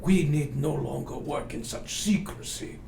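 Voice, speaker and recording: An actor playing an old foreign professor and vampire hunter in a radio play, speaking with grave, formal, halting earnestness. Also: male voice, on the high side, gravelly. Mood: encouraging. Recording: roomy, faint background noise.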